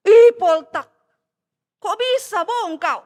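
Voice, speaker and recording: A woman preacher voicing a hearty, nosy male friend with a Medan accent, loud and teasing. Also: extremely high pitch, slow pace, big-room sound. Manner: loud, back-slapping and teasing.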